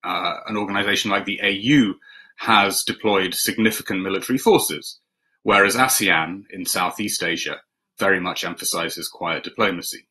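A middle-aged man from Finland moderating an online panel over a video call, measured and steady with frequent 'uh' and 'um'. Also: low voice. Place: home room, indoors.

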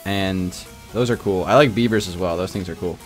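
A young man talks in a loose, rambling way on a gaming livestream, packing his sentences with "like" as he rants. His voice sits fairly low. Faint music plays quietly behind him. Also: a little fast. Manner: rambling, heavy use of filler "like", animated ranting. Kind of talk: casual livestream chat.

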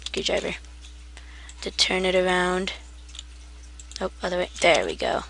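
Sleepy gravelly-voiced woman explaining a game. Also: lowish voice, very animated, a little slow, fairly bright tone, slight background noise. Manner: sleepy, rambling, self-deprecating. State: half asleep. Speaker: gaming tutorial maker. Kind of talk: casual game tutorial.

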